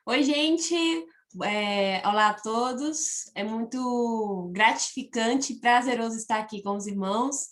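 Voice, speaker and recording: Missionary woman, piauí accent, kinda high voice, friendly and chatty. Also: unhurried. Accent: Piauí, northeastern Brazilian. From Piauí, Brazil.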